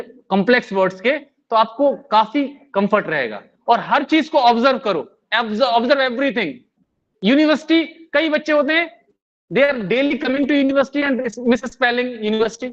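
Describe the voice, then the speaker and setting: Indian male teacher, very high voice, unhurried lecture delivery, dull stream sound. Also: a bit bright. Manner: explanatory, checks in with listeners. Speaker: English teacher. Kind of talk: live-streamed lecture, mixing Hindi and English.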